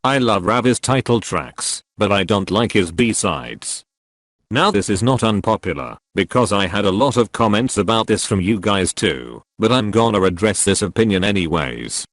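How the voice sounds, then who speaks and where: A text-to-speech male voice reading a scripted opinion commentary with an even, synthetic delivery. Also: on the low side, normal speed, no room sound, studio quality. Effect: text-to-speech robot voice.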